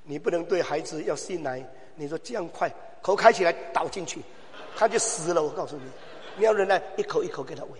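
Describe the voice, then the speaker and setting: Fiery high-voiced man preaching in a hall. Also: lively intonation, quick pace. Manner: fiery, swings from low asides to shouted exhortation. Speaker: pastor. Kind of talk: sermon. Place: church hall. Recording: long hall reverb.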